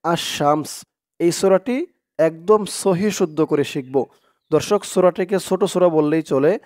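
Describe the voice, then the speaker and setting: High-voiced man teaching recitation slowly. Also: darkish tone, no echo, studio quality. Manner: spells out words letter by letter, drawing out long vowels. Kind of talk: spoken lesson with slow chanted recitation.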